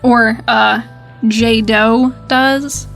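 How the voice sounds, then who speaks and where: A woman's voice: on the high side, steady tone, very slow, gravelly, a bit bright, soft background music, full character voice. An actress playing a sarcastic, skeptical young woman investigator in an audio drama. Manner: dry, sarcastic.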